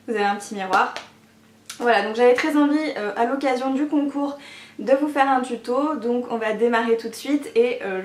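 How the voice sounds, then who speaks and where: A woman talking through a makeup tutorial in a chatty way, with many fillers. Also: fairly high pitch. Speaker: beauty YouTuber. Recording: echoey room.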